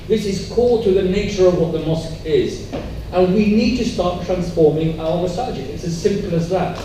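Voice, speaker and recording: Speaking warmly in a high-pitched voice at a moderate pace, a man on a community panel gives an earnest, emphatic answer and keeps repeating what matters most. The recording comes from far off in a very reverberant public hall, with faint noise.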